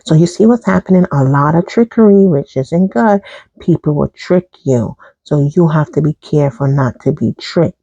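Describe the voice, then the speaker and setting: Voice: medium pitch, normal speed, mellow, no room sound. A chaplain retelling a Bible story in a chatty, rambling way, with chuckles and side remarks, on a dull lo-fi recording. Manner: chatty, digressive, with chuckles and asides.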